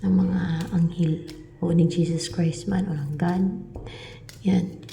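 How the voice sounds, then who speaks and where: A woman with a low, gravelly, mellow voice talks to her viewers about spiritual matters. She meanders and repeats herself, sometimes sinking to a whisper. The room around her is echoey. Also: steady tone, slow, slight background noise. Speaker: spiritual reader. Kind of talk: casual spiritual talk to viewers.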